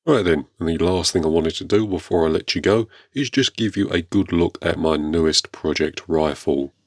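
A man hosting a video channel, presenting to viewers in a measured, polite, understated way. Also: low voice, breathy edge, no echo. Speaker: YouTube airgun channel host. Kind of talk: scripted-sounding product showcase narration to viewers.

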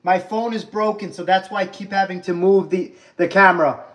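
A young Hungarian man hosts a casual livestream from a house under renovation, filming on a handheld phone held at arm's length. His high voice is brisk and fairly bright. He chats with viewers, reads their comments aloud, and keeps saying "guys."

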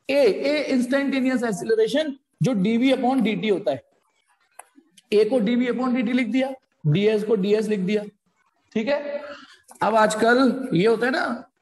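Brief: very high-voiced male tutor, jokey and pushy, echoey room. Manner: playful, jokey, coaxing students to answer. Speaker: physics teacher. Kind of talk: live online class lecture.

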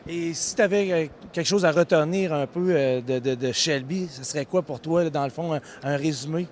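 A man in his forties with a Québécois accent, hosting a car show segment with lively energy. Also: on the high side, fairly quick, a little hiss or hum. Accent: Québécois French. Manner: energetic, playful. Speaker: host. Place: outdoors in a garden. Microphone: handheld mic.

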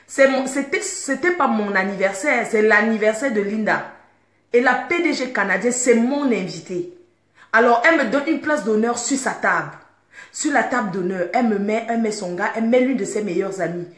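A woman's voice: a little high, lively intonation, moderate pace. A woman who has just woken up, chatting casually and groggily to her viewers from her bedroom. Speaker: vlogger. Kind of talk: casual live video chat. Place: bedroom, indoors. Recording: echoey room.

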